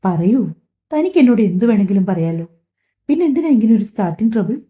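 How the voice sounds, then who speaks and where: Gentle young husband read by a woman, soft coaxing talk, very warm tone. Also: medium pitch, sing-song, fast talker, slightly rough. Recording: dull lo-fi recording.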